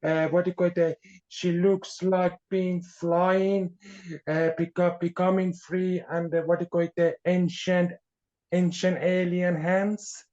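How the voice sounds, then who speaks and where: A man from Iran, an author being interviewed, speaking haltingly with frequent fillers as he searches for words. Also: high-pitched, little pitch movement, darkish tone. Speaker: author guest. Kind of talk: podcast interview. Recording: dull lo-fi sound.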